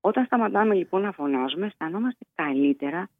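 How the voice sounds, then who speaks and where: A woman's voice: on the low side, lively intonation, dry recording. Woman psychologist on a tinny phone line. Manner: measured, explanatory, with frequent hesitations. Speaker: child psychologist guest. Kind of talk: expert advice on a podcast.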